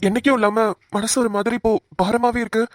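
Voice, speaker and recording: A woman's voice: on the high side, flat delivery, fast, music in the background, natural voice. A woman voicing an exasperated young husband in an amateur cartoon, teasing his wife and grumbling to himself. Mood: sulky.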